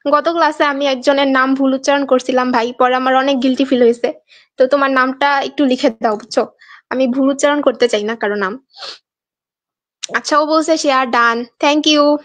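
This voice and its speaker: A woman's voice: high voice, fairly even intonation, moderate pace, a bit bright. A young woman teaching a live online exam-prep class, chatting and coaxing her students and reading out their answers. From Bangladesh.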